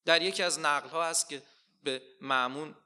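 A man preaching a sermon, asking rhetorical questions and slowly quoting scripture with rising emphasis. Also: a little high, sharp tone.

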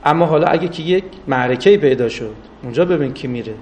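A man giving a religious lecture with stories, rising for emphasis and drawing out recited Arabic phrases. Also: a little high. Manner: animated, rises for emphasis, drawn-out Arabic recitation. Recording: distant mic with faint noise.

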